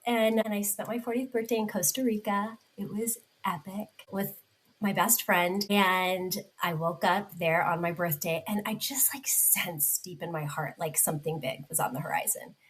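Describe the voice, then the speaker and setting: A woman's voice: medium pitch, normal speed, low-quality recording. Heartfelt woman in her forties. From United States. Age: 40s. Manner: heartfelt, many likes and restarts. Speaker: guest. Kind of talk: personal story in a podcast interview.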